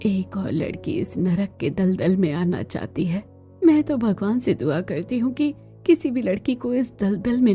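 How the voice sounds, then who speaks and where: A woman's voice: mid-range voice, natural voice. Woman voicing a frightened young daughter-in-law. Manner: hushed, fearful. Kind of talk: cartoon story voice acting.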